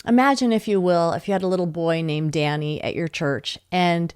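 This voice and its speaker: Animated woman presenter, dry close sound. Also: lowish voice, normal speed, smooth, no echo. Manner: lively, acts out quoted voices, laughs often. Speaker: webinar presenter. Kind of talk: teaching webinar talk to parents. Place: home office, not in the same room as her audience.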